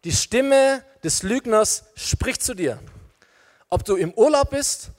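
A man preaching a lively sermon, talking directly to his listeners and illustrating his points with everyday examples. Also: very high-pitched, slow pace. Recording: long reverb of a large hall.

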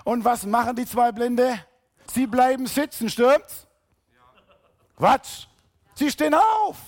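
A man preaching a sermon, emphatic, rising to loud calls and then dropping low and quiet. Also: takes it slowly. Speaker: pastor.

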